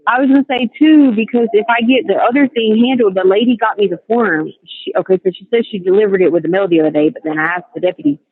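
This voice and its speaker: A woman's voice: medium pitch, fast, hardly any pauses, husky, dry recording. A woman on a prison phone. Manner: rambling, chatty storytelling. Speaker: incarcerated caller. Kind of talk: casual phone chat. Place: jail housing unit. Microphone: jail phone or tablet. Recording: tinny prison phone line.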